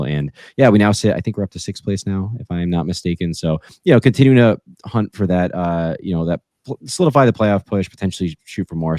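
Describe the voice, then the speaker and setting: Man, low voice, quick pace, upbeat chatty podcast co-host. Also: a little mellow, no room sound, studio quality. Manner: upbeat and chatty, laughing often. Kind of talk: casual fan podcast chat.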